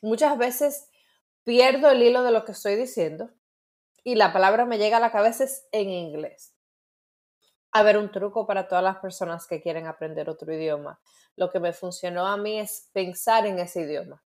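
A woman's voice: medium pitch, normal speed, darkish tone. A woman with a Dominican Spanish accent, co-hosting a podcast in casual chat, who sometimes loses her thread and repeats words while searching for the right one. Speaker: podcast co-host.

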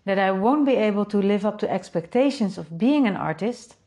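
Speaking fairly quickly in an expressive, dark mid-range voice, a Dutch-accented woman who is a native Dutch speaker reflects aloud to her creative community. She hosts that community as an artist, and her solo talk is thoughtful, full of rhetorical questions and tag "right?"s.

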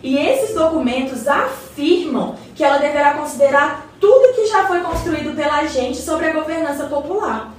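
In an everyday-style radio drama, a Brazilian woman with a high, expressive voice at normal speed plays a well-informed neighbour. She patiently explains things, encourages, and shows her neighbour respect. The mic sits far away in a roomy space with faint noise.

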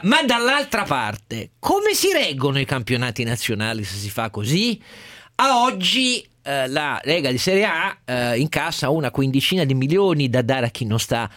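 A man hosting a talk show with unscripted news commentary, in halting, drawn-out phrases with emphatic stresses. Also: medium pitch, a bit bright, no room sound, clean studio sound. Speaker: radio show host.

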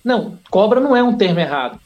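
A Brazilian biologist, a man, talking as a podcast guest in an animated, slangy, emphatic way. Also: high-pitched, quick pace. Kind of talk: casual podcast chat. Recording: dull lo-fi audio with faint music.

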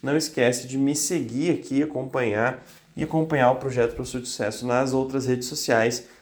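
A man's voice: medium pitch, steady tone, fairly quick, reverberant. A man hosting a motivational podcast for teachers, talking insistently and repeating phrases for emphasis, a little congested with a cold. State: slightly congested with a cold, occasional coughs. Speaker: podcast host coaching teachers.

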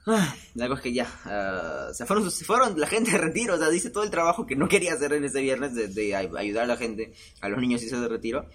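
Young man, husky, chatty, self-mocking, laughing storyteller. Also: mid-range voice, expressive, fast talker, few pauses, fairly bright tone. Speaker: podcast host. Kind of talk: casual storytelling monologue.

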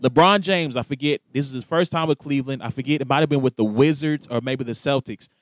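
A man's voice: medium pitch, fast, no room sound. A man hosting a casual sports talk show, telling stories with lots of energy and acting out the lines he quotes. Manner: animated storyteller, acts out quoted voices.

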